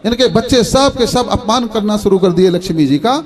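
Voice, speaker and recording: A man's voice: high voice, animated, brisk, a crowd in the background. A male spiritual teacher giving a storytelling sermon, preaching in a sing-song way and putting rhetorical questions to his listeners.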